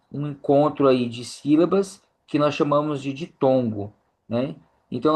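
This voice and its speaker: A man's voice: mid-range voice, darkish tone. A man with a Brazilian accent teaching a grammar lesson to a church group, explaining each point step by step and often checking that the listeners follow. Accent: Brazilian Portuguese. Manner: unhurried, explains step by step, often ends phrases with a checking tag.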